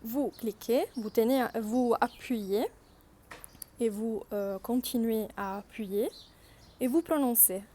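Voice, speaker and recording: An Italian-speaking woman with a slightly high, mellow voice leads a workshop, slowly walking learners through an app step by step. She narrates each click with small hesitations.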